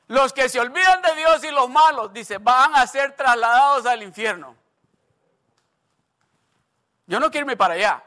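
With a very high-pitched, sharp-toned voice, an older man delivers a sermon full of emphasis and repetition. He asks the congregation questions and weaves in personal stories as asides.

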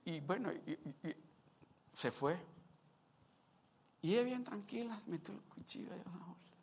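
A male preacher giving a sermon, telling a story and acting out its scenes in an animated way. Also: high voice, moderate pace, husky.

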